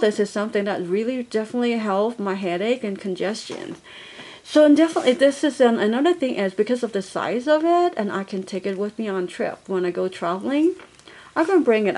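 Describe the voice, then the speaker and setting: A chatty woman with a medium-pitched, darkish voice gives a casual review of a gadget. As a product reviewer she rambles, using many fillers and restarting her sentences often.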